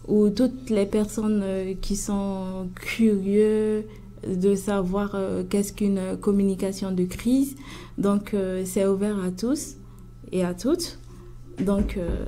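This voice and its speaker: A young woman, a student organizer, answering radio interview questions haltingly with many fillers. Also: medium pitch, mellow. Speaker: student event organizer, guest.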